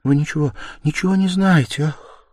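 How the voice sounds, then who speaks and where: Guy reading a book doing a shy meek young woman, voice pushed way up high, soft and unsure, dry close sound. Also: moderate pace, dry recording, lightly acted. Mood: pleading. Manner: soft, hesitant, rising to tearful pleading. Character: timid, meek young woman, gentle and pleading. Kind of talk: audiobook character reading.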